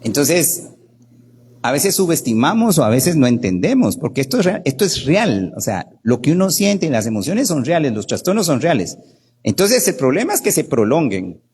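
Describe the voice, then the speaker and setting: A man, a doctor, giving an animated workshop talk in Guatemalan Spanish, often asking "¿verdad?" and acting out the people he quotes. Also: a little high, moderate pace, slight background noise.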